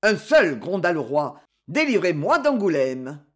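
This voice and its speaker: A reader voicing a suspicious, commanding fifteen-year-old king in an audiobook, with stern, threatening lines and weighty pauses. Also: mid-range voice, big pitch swings, slightly rough. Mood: menacing. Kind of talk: audiobook character reading.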